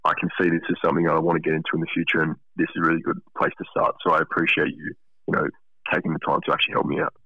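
A man's voice: very deep voice, monotone, very fast, no room sound. A teenage Australian male chatting casually, earnest, polite and grateful, over a dull lo-fi line. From Wollongong, Australia. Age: teens, about sixteen. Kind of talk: casual chat.

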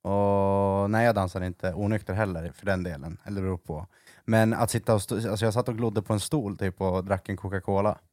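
A lower-voiced man co-hosting a loose podcast chat. He tells stories with energy, mimicking the people in them and laughing along. The sound is dry and close, with no room around it. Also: hardly any pauses, dry recording. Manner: animated storyteller, mimics others, laughs often. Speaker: podcast co-host. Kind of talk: casual chat.

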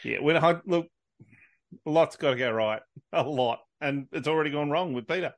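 A man's voice: on the high side, normal speed, dry recording. An Australian man co-hosting a podcast, giving blunt, laid-back opinions in casual sports chat. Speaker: podcast co-host.

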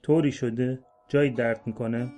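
A man's voice: mid-range voice, steady tone, mellow, soft background music, natural voice. A man voicing an urgent, pleading helper. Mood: worried. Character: grown man frantically helping an injured stranger.

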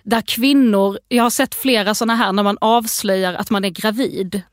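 A woman co-hosting a casual podcast chat, talking quickly and acting out quotes as she tells stories. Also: medium pitch, dry recording, studio quality. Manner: quick, animated storytelling with acted quotes. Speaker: podcast co-host.

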